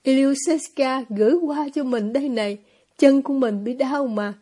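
Lady reading a grief-wrecked old dad, wailing, husky high voice. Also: moderate pace, dark tone. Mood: anguished. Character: grief-crazed poor older father, frantic.

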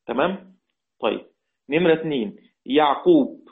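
A man with an Egyptian accent teaches a lesson on Quranic readings, moving step by step, questioning his class, and repeating key phrases. His voice is fairly high, with lively intonation and a moderate pace. The audio is tinny, like a phone.

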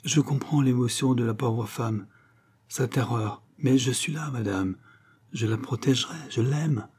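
A man reading an audiobook, voicing a cool, affable young gentleman. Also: mid-range voice, unhurried, slightly rough, pitched above the performer's own voice. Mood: smooth. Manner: calm, affable, self-assured. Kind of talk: audiobook character voice.

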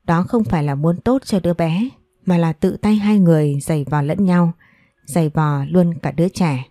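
Low, mellow woman narrating a story. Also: moderate pace, no room sound, clean studio sound.

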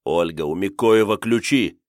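A man's voice: lowish voice, normal speed, no echo, studio quality, natural voice. A man voicing an anxious young male prisoner who calls out urgently.

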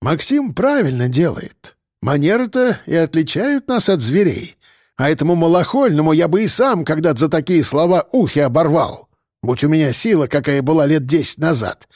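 A man voicing a kind, tired old man who speaks softly and soothingly, with heavy sighs. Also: a little high, lively intonation, moderate pace, no room sound, clean studio sound. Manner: soft, soothing, heavy-sighing. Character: kind, weary old grandfather.

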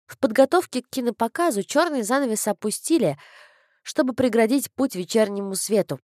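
A woman's voice: fairly high pitch, expressive, fairly quick, a little mellow, no room sound, studio quality. A woman narrating an audiobook in the first person with a wry, ironic delivery.

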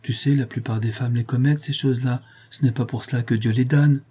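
A man reading aloud, voicing an outspoken middle-aged peasant widow in a raised, husky voice. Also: medium pitch, fairly even intonation, brisk, mellow, voice pushed up, natural voice. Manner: outspoken, defiant.

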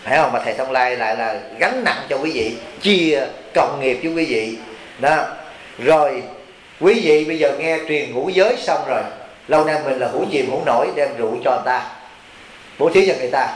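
A Buddhist monk delivers a folksy, teasing sermon at a retreat, repeatedly asking his listeners questions. His mid-range voice is animated and a little fast, recorded in a roomy hall with faint hiss.

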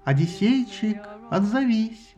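A man's voice: sits high, lively intonation, slow, mellow, soft background music, pitched above the performer's own voice. A man voicing a sly, playful young woman who coaxes and lisps sweetly in an audiobook. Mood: coy. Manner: lisping, coaxing. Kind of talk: audiobook character voice.

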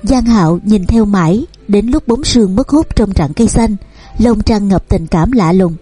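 Soft-voiced woman narrating a romance. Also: medium pitch, breathy edge. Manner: reads every character's lines in her own voice, lively and quick in arguments. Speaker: audiobook narrator. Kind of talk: scripted narration of a romance novel. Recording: dry close recording with soft music underneath.

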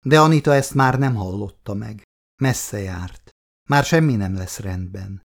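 A man's voice: lowish voice, creaky. Man reading an audiobook. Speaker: audiobook narrator. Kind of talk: audiobook narration.

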